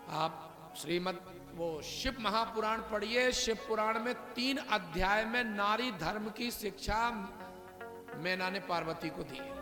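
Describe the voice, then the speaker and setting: A man's voice: high-pitched, echoey room, long reverb tail. A man giving a devotional discourse, telling the story and talking straight to the audience, with bits of rustic dialect. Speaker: kathavachak preacher. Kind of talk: devotional discourse with verse recitation.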